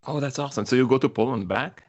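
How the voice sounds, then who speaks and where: A man's voice: medium pitch, fast talker, muffled recording. A man from Slovakia whose first language is Hungarian, hosting a podcast interview in a casual, chatty way with many fillers. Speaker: podcast host.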